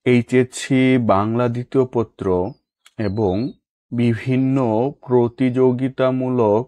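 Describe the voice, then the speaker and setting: A man reading an exam-prep lesson in a formal, measured way, stating each question and then its answer. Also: mid-range voice, flat delivery, dark tone, no room sound.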